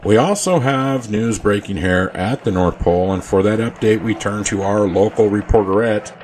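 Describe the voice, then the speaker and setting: A low-pitched Christmas elf anchors the North Pole radio news, played by a man. He is earnest and official, with formal newsreader phrasing. The recording has a faint layer of noise behind him. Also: normal speed, a little mellow, natural voice. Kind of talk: mock radio news broadcast.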